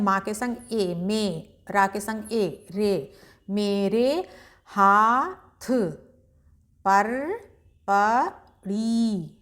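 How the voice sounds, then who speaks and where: A woman teaching beginners to read Hindi, sounding each word out slowly before explaining it briskly. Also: medium pitch, fairly bright tone. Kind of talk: slow syllable-by-syllable reading lesson.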